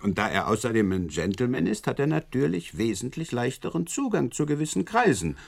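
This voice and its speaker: A man's voice: mid-range voice, big pitch swings, fairly quick, gravelly. An actor in a German radio drama playing Inspector Lestrade, a courteous, wordy and faintly envious policeman with a confiding manner. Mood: envious, complaining.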